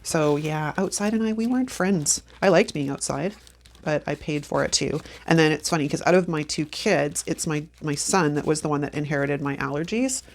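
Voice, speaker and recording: Low-pitched and creaky at a moderate pace, a fifty-something planner vlogger talks casually to viewers as she decorates her planner. Allergies leave her sniffly, and she laughs often and chats to herself throughout this plan-with-me session.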